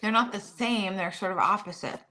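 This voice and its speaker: A woman's voice: medium pitch, moderate pace, pushed and bright, a little hiss or hum. A woman, the host's wife, chatting casually and teasing wryly. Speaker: podcast guest, host's wife. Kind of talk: casual family chat.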